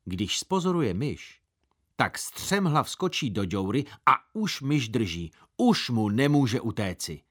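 Man narrating a story, first-person boy's tale, expressive, very lively pitch, mid-pitched voice.

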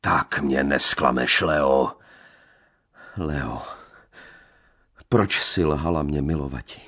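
A man voicing a wild, jealous young Romani man who shouts fierce accusations. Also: a bass voice, breathy edge, full character voice. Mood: bitter. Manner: loud, fierce accusing outbursts.

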